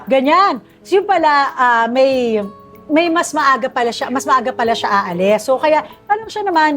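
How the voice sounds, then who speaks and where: High-voiced chatty Filipino woman. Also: animated, normal speed, fairly bright tone, faint music behind. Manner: chatty storytelling, asks "di ba?" often. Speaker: guest. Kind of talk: casual interview chat.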